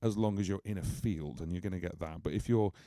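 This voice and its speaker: British male musician, low mellow voice, dry close studio sound, chatty gear-review delivery. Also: fast talker, no echo. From United Kingdom. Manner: chatty, explanatory, many fillers like "obviously". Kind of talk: casual gear review and demo. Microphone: studio microphone.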